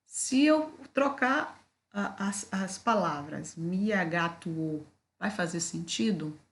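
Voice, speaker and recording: A woman teaching a recorded video lesson, speaking slowly and deliberately, with frequent fillers and rhetorical questions. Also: fairly low pitch.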